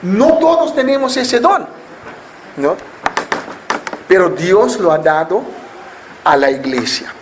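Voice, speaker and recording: A man with a high voice delivers a Sunday sermon in an echoey church hall, with a faint hiss behind him. He quizzes the listeners and answers his own questions. Now and then he drops into a mocking voice to act out a wrong attitude. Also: lively intonation, slow, pauses often. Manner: asks the congregation questions and answers them himself. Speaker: preacher.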